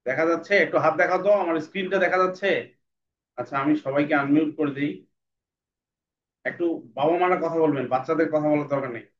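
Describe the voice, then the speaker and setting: Brief: male online teacher, slightly high voice, patient drill-style delivery, muffled distant call audio. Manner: patient, repeats letter drills slowly then quickly. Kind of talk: online class instruction. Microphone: video call.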